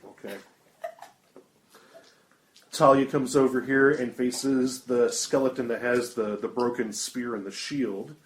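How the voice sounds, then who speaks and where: A man serves as game master, narrating attacks and ruling on actions at a mid-pitched, even voice. He sounds roomy, picked up at a table with room echo around him. His manner is descriptive and rules-minded. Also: slow pace, long pauses, a little hiss or hum.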